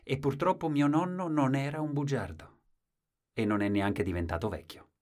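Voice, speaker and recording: A man reading a short story aloud as narrator, expressive, with wide swings in loudness. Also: medium pitch, moderate pace.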